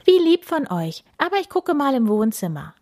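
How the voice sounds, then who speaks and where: A woman's voice: high-pitched, big pitch swings, moderate pace, voice pushed up. A woman doing a beaming kindly storybook host. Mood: friendly. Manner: warm, beaming. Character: kind cheerful male zoo host.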